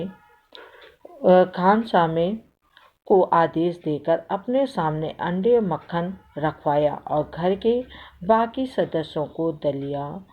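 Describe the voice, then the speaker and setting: A woman teacher reading a story aloud to a class, stopping to quiz the children and repeat their answers. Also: on the low side. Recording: tinny phone-like audio.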